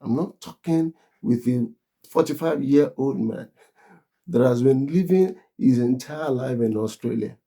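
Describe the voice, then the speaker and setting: Gravelly Nigerian man vlogging. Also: medium pitch, warm tone. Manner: chuckles often while explaining; drawn-out "uh" fillers. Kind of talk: casual talk to camera.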